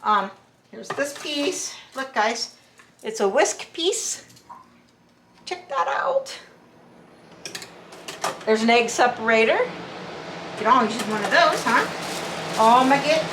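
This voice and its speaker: A woman's voice: a little high, animated, unhurried, long pauses, noisy background. A woman unboxing an item in her home kitchen, chatting to viewers in a gushing, talkative way. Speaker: unboxing vlogger. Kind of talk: casual unboxing chat to viewers.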